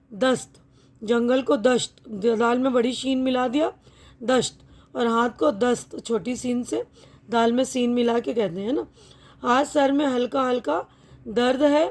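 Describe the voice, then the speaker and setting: A young adult woman teacher explaining a textbook lesson patiently, sounding words out slowly and often checking that students follow. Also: high voice, darkish tone.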